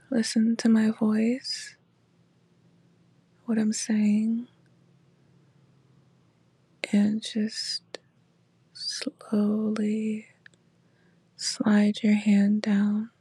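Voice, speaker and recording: A woman in an ASMR role-play as a teasing, affectionate lover, speaking softly and breathily right in the listener's ear. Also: on the high side, monotone, very slow, long pauses, no room sound. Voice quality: breathy, soft-spoken. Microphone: very close, dry microphone.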